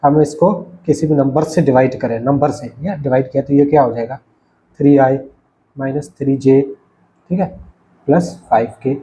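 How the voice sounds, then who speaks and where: A man's voice: medium pitch, fairly even intonation, moderate pace, warm tone, slight background noise. A man teaching a lecture at a writing board, explaining patiently and repeating himself with frequent checks that his students are following. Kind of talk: recorded lecture. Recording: dull lo-fi recording.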